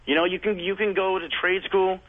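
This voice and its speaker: A man's voice: high voice, flat delivery, brisk. A man in his twenties calling in to a radio show, talking casually and bluntly, saying "dude" and "man" a lot. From California. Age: 20s. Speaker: caller. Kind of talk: phone-in radio call. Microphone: telephone. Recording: phone line on radio.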